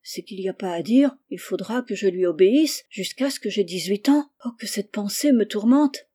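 A woman's voice: mid-range voice, expressive, moderate pace, warm tone, breathy edge. A woman voicing a timid, anxious orphan girl in an audiobook reading, with a complaining manner. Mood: fretful.

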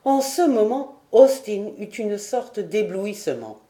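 Woman audiobook reader, slow and mellow, measured classic-novel narration. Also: mid-range voice, lively intonation.

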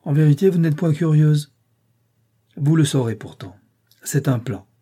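A man reading a storybook, voicing a villain who speaks in a falsely gentle, threatening way. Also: a little high, a little slow, breathy edge, pitched above the performer's own voice. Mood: menacing. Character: menacing, hypocritically smooth villain man.

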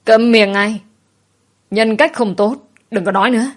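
A haughty old matriarch, read by a woman, looks down on everyone and scolds. Her voice sits a little low. It is a story read aloud. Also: fairly quick, lightly acted. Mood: furious. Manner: scolding, sharp outbursts. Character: stern imperious old grandmother, scornful.

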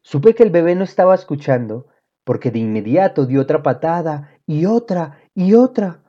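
A woman reading a children's book aloud in an expressive storytelling manner. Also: deep voice, moderate pace. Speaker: reader. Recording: dull lo-fi audio.

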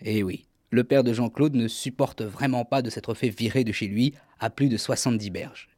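A man's voice: mid-range voice, normal speed, a little mellow, no echo, clean studio sound. A man hosting a radio show, delivering scripted comic narration in a wry, mock-solemn way. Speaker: radio host. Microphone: studio microphone.

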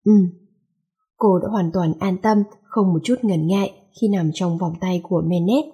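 A woman reading a romance story aloud in a steady, even narrating voice. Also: lowish voice, moderate pace, slightly rough.

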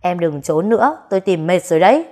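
A woman's voice: mid-range voice, normal speed, warm tone, breathy edge, close to an everyday voice. A woman voicing a hot-tempered, lovesick young master who barks commands and threats. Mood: pleading loudly.

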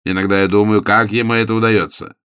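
A man reading a novel aloud, voicing a genial, mischievous older gentleman in a hearty, emphatic manner. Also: on the low side, little pitch movement, fast, smooth, lightly acted. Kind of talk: audiobook character voice.

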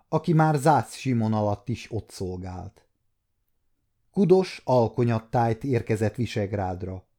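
A man in his fifties narrating an audiobook in a steady storytelling manner. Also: mid-range voice. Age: 50s. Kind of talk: scripted narration.

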